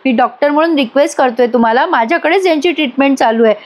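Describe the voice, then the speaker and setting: A woman voicing a calm, reassuring fatherly male doctor in a story recap. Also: high-pitched, fast, close to an everyday voice. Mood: earnest.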